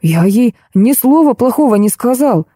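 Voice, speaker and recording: A woman's voice: mid-range voice, brisk, dark tone, no echo, studio quality, lightly acted. A woman voicing a clumsy, blunt man who grumbles and then defends himself, barely changing her own voice. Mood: defensive. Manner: gruff, defensive. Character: flustered male driver, clumsy and blunt.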